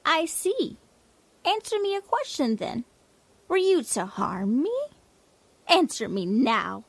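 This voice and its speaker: In a comedic fantasy audio drama, a woman plays the domineering, mocking leader of a savage tribe, her voice high with big pitch swings. The delivery is heavily acted, imperious, drawn-out and menacing, with no room sound at all.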